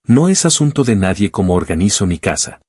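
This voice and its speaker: A protective widowed father in a spoken story speaks with firm defiance, read by a man. His voice is low and husky. The recording is dry. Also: big pitch swings, brisk, a little mellow, no room sound.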